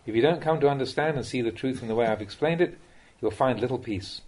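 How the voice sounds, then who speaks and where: In the voice of a monk, a man reads a Buddhist Dhamma talk aloud, speaking to the listener in a measured, instructive way. His voice sits at medium pitch and is slightly husky and a little mellow.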